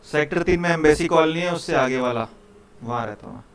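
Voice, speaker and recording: A man from India leads a live programming lesson in a classroom, speaking to his students in a loose, friendly, chatty way. He keeps checking in with them as he goes, and his voice sits a little on the high side. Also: animated, fast. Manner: casual, repeats "ठीक है" and "भाई", coaxing students. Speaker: programming teacher.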